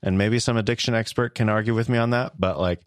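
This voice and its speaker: A man in his thirties co-hosts a casual podcast with a very low voice. He talks in a relaxed, wry way and argues his point playfully. The recording is dry and close. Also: quick pace, clear, resonant tone, no room sound. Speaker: podcast co-host. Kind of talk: casual chat.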